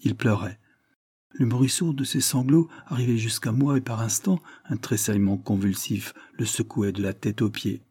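A man reading a classic novel aloud in measured first-person narration. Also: fairly low pitch, dark tone, breathy edge. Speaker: audiobook reader.

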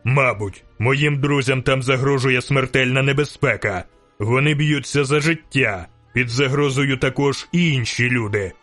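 A gruff monster hunter, as a male narrator voices him, curt and pressing, tossing out oaths. His voice sits at a middling pitch, a hardened storybook warrior, with faint music in the background. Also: measured pace, a bit bright, close to an everyday voice. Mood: urgent. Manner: urgent, curt, swearing. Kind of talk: audiobook character reading.

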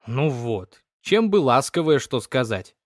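A man's voice: mid-range voice, sing-song, measured pace, dry recording, studio quality. A man doing a sullen, grumbling young peasant. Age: young adult. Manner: grumbling, moody.

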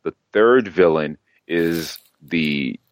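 A man's voice: low-pitched, expressive, extremely slow, no room sound. A man co-hosting a casual comics news podcast, rambling and correcting himself as he talks. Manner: rambling, self-correcting, laughs easily. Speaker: podcast co-host.

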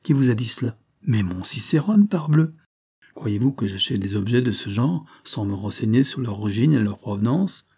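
A man reading aloud plays an inquisitive police agent who presses with questions. The tone is mellow and husky, eager and probing. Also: medium pitch, lively intonation, normal speed. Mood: curious. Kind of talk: audiobook reading of a novel.

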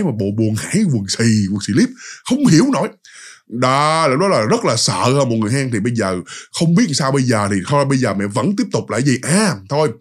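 Animated Southern Vietnamese storyteller man. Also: medium pitch, slightly rough. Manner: animated, chatty, addresses listeners directly. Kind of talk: casual spoken ghost story retelling.

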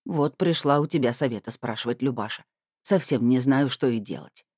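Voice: mid-range voice, moderate pace, a little mellow, breathy edge, no echo, clean studio sound, natural voice. A reader voicing a sighing tearful old woman. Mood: plaintive. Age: older. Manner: sighing, plaintive. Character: elderly tearful neighbor woman, meek. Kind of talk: audiobook character voice.

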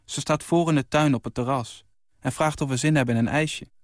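Young male writer, mid-pitch, calm narrator, dry studio sound. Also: a little fast, no echo. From Netherlands. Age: 20s. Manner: calm, even storytelling, lifting his voice for the quoted lines. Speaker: short story writer. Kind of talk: reading his own short story.

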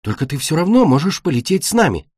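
A man's voice: on the high side, big pitch swings, fast, slightly rough, no room sound, clean studio sound, pitched above the performer's own voice. A man doing a shy young earth dragon. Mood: hesitant. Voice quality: soft, hesitant.

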